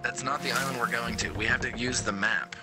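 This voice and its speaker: A man's voice: mid-range voice, steady tone, brisk, loud music behind the voice. A man in a casual gaming chat, laughing and exasperated as he gives directions. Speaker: gaming friend. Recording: voice chat with game noise.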